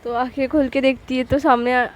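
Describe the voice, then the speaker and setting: A young woman who runs a channel, narrating a story in a casual, expressive way. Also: high voice, brisk.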